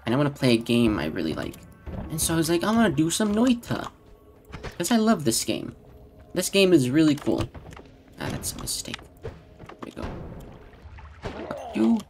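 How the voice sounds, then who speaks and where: A man giving casual gameplay commentary in a deadpan tone that can sound sarcastic, with keyboard clicks behind him. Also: mid-range voice, fairly quick, pauses often, faint music behind. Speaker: gaming channel host.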